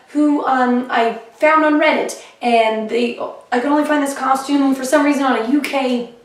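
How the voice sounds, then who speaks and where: Indoors in the living room of her flat, a woman comedian vlogs her diary, chatting casually and upbeat about her shows with plenty of fillers. Her high voice is a little hoarse and she keeps clearing her throat, while the echoey room makes her sound distant.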